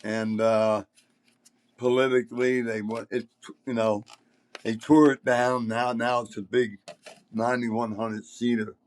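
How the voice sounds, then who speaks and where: A podcast host, a man probably in his seventies and a former concert promoter, tells casual anecdotes in a rambling, emphatic, salty-tongued manner. His medium-pitched voice moves little in pitch and keeps a measured pace.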